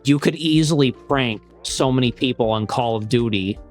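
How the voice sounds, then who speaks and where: A man hosts a casual podcast chat in an ordinary mid-pitched voice. He rambles and restarts his sentences, leaning on fillers as he thinks aloud. Faint music runs behind him. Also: a little mellow. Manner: rambling, halting, many restarts and "like". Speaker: podcast host.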